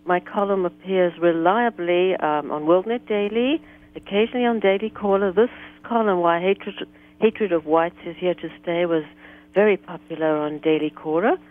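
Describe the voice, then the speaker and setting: A woman from South Africa, a guest author speaking in an articulate, measured way during a political talk radio interview. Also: lowish voice. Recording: tinny phone line.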